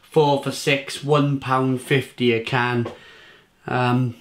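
A British man talks casually to camera as he reviews a beer. He rambles, restarts his sentences and piles up flavour notes with plain enthusiasm. His voice sits at an ordinary middle pitch for a man. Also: level tone, takes it slowly. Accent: British English. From England.

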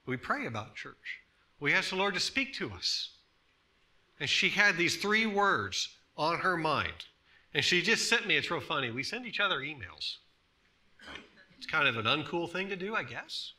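A man in his thirties preaches a sermon in a church sanctuary. His voice is bright and ringing, a little high, with a very lively melody. He sinks to near-whispers and then surges into loud, emphatic bursts. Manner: swings from soft hushed tones to loud emphatic bursts. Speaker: pastor.

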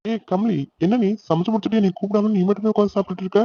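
A man's voice: high voice, level tone, rapid-fire, dull audio, heavy background noise. A man as a pleading young cartoon husband. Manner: pleading, apologetic.

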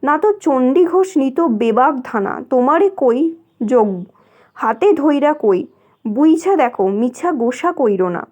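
A woman's voice: high-pitched, expressive, a little slow, darkish tone. A woman doing a stubborn, mocking young husband. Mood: earnest.

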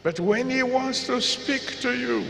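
A man with a Nigerian accent preaching a sermon deliberately, pausing between short phrases and repeating them for emphasis, his voice gravelly and creaky. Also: very high-pitched, a bit bright. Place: large church auditorium with PA reverb. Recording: reverberant large hall, faint background noise.

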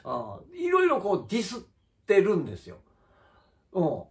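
A man's voice: sits high, wildly swooping pitch, moderate pace. A man with a Kansai accent, a comedian hosting his own channel, ranting in a heated, indignant way with many fillers. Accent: Kansai Japanese. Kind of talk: solo vlog rant.

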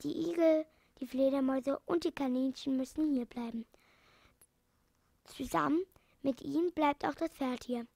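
A caring male animal doctor who talks gently and earnestly, read by a woman. The voice is high with a touch of fry. It is recorded close and dry. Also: normal speed, no room sound. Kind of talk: storybook reading.

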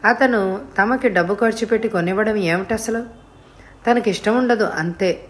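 A woman narrating a novel for an audiobook. Her delivery is calm and steady. She keeps a middle pitch for her sex. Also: normal speed, very noisy. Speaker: audiobook reader. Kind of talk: storytelling narration.

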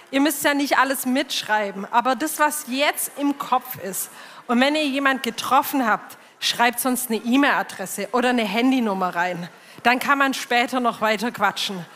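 Bright-voiced woman host in a hall. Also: high voice, a little hiss or hum. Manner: slow, encouraging, addresses audience directly. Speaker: event host. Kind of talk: stage moderation. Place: large event hall. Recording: echoey hall reverb.

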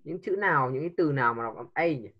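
A man's voice: medium pitch, expressive, fast talker, dull audio. A man teaching an English lesson to a child, patiently coaxing with repeated prompts.

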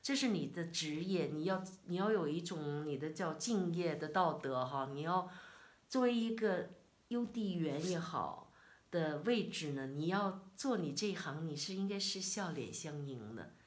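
A middle-aged woman from China, telling a personal story in a casual, animated, indignant way. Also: deep voice, normal speed. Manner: animated, indignant retelling with quoted dialogue. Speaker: vlogger.

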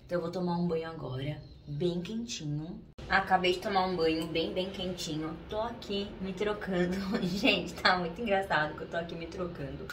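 A woman's voice: fairly low pitch, fairly quick, hardly any pauses, fairly bright tone, reverberant, far from the mic, slight background noise. A Brazilian woman chatting through her day in a casual vlog, sometimes cooing at her dogs in baby talk. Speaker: vlogger. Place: home in cold weather, moving between rooms and outdoors. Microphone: phone held or propped nearby.

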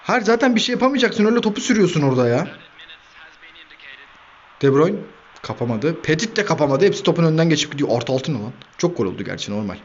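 A man hosting a gaming channel, giving lively commentary over his own football video game match, shouting player names and cursing at his players. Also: fairly high pitch, quick pace, long pauses, lo-fi sound, a little hiss or hum.

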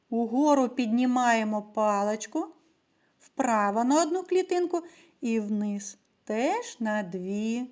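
A woman teaching a video reading lesson for young children, speaking clearly and patiently and addressing them directly. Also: sits high, darkish tone. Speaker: primary school teacher.

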